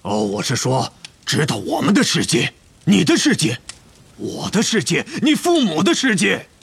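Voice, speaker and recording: A man voicing a huge, gruff, hot-tempered half-giant groundskeeper in an audiobook, with a rough voice and booming outbursts. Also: huge pitch swings, moderate pace, exaggerated voice. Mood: indignant. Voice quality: gravelly, rough. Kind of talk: audiobook character reading.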